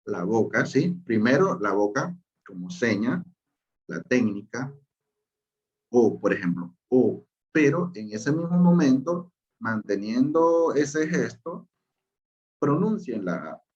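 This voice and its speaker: A man gives a slow, unhurried language lesson at a medium pitch, walking through each point with patience. He keeps repeating himself and checking that his listeners follow. The recording sounds a little dull and lo-fi. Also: sing-song, a little mellow. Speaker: language teacher.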